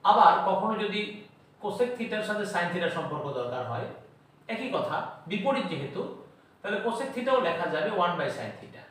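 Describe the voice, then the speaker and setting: A man teaching a math lesson slowly and deliberately, repeating memory rhymes for his students. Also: high voice, big pitch swings, fairly bright tone. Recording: echoey room, voice far from the mic.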